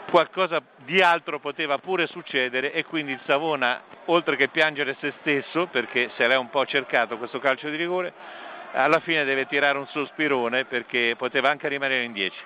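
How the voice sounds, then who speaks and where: A man's voice: on the high side, fairly even intonation, moderate pace, pushed and bright. A man giving live football commentary remarks as the secondary commentator. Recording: dull lo-fi feed with stadium noise.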